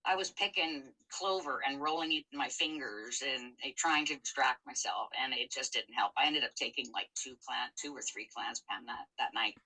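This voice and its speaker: A woman's voice: rumbling low, normal speed, hardly any pauses, sharp tone, slightly rough, rough recording. A middle-aged woman telling a personal story in a candid, emotional, casual chat. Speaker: co-host.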